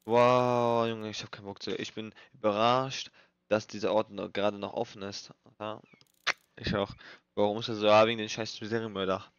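A man's voice: fairly low pitch, flat delivery, moderate pace, smooth, no echo. A young man doing nervous, swearing let's play commentary in street slang, reading game text aloud as he plays. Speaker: gaming streamer. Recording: dull lo-fi mic, dry.

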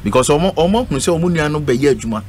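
A middle-aged Ghanaian-accented man, a guest on a radio panel, argues politics emphatically in a fairly high, darkish voice, racing along and animated while repeating phrases and code-switching. It's a noisy live stream from an indoor radio studio, picked up by a stand-mounted studio mic.

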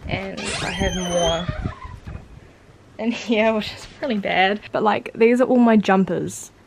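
A woman's voice: medium pitch, slow pace, vocal fry, noisy background. A young woman with a New Zealand accent chatting casually to camera in a vlog, rambling with lots of "like" and "obviously". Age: young adult. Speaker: vlogger.

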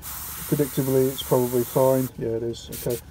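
A man's voice: mid-range voice, little pitch movement, moderate pace, dark tone, slight background noise. A man hosting a casual hands-on painting tutorial, slightly muffled as if through a mask, thinking aloud in a self-deprecating way. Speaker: miniature painting video host. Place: indoor painting studio.

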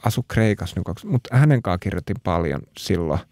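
Low-voiced Finnish man telling stories. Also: big pitch swings, darkish tone, no room sound, studio quality. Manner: rambling, frequent restarts and fillers. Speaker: talk show guest. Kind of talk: casual conversational storytelling.

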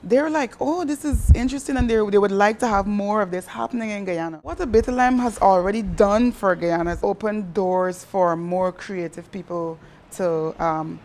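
A woman on a film crew recounting the permission process with lively storytelling. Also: mid-range voice, normal speed. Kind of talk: behind-the-scenes interview.

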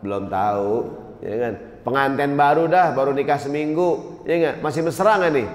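A male preacher giving a lively, joking sermon, acting out little scenes as he talks. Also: mid-range voice, moderate pace. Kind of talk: humorous sermon. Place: mosque hall. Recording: echoey mosque hall.

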